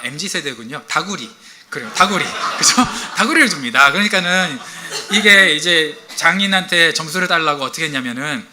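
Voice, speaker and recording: Bright-voiced male pastor preaching with humor. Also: fairly high pitch. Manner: chatty, humorous preaching with questions to the congregation. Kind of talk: sermon.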